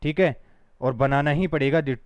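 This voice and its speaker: A man's voice: on the high side, dry recording. A man teaching an online phonetics lesson, spelling words out letter by letter and firmly urging students to repeat after him. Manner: drills words slowly, spelling them out letter by letter; firm, teacherly, urges students to repeat along. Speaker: spoken English teacher.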